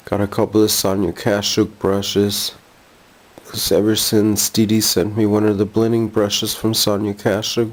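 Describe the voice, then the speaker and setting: A jet-lagged man rambling casually through a haul vlog at home, easily sidetracked. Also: on the low side. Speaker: vlogger. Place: bedroom at home.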